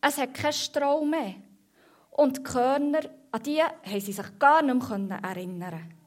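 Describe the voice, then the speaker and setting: A woman reading a children's story aloud in a slow storytelling manner, then moving into a short devotion. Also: sits high, darkish tone.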